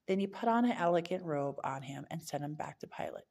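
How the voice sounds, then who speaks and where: Low-voiced woman reading scripture aloud. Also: animated, fairly quick, darkish tone. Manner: stumbles and corrects herself mid-word. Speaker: scripture reader. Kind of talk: reading a Bible chapter aloud.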